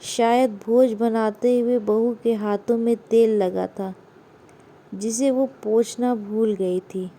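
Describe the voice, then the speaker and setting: Woman storyteller, measured scripted narration, mellow and unhurried. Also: a little high, steady tone.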